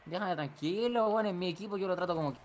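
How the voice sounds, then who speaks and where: A young man with a Chilean accent streaming a game, teasing his friends with quick, crude banter. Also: sits high, a little hiss or hum. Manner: teasing, laughing, swearing. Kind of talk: casual gaming banter.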